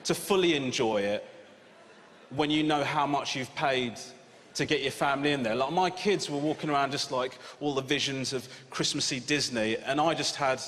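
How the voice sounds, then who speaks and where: A man in his thirties performing a stand-up comedy set, animated and swearing freely as he acts out quoted lines. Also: medium pitch, normal speed. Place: large comedy venue with a live audience. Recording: hall reverb with loud audience laughter.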